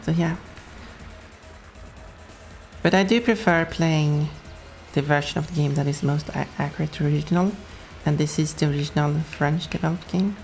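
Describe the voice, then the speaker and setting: Streaming a racing game, a young woman from Sweden talks with her audience in a relaxed way and laughs a lot. She speaks a bit fast in a low, slightly mellow voice with a Swedish accent. Soft music plays behind her.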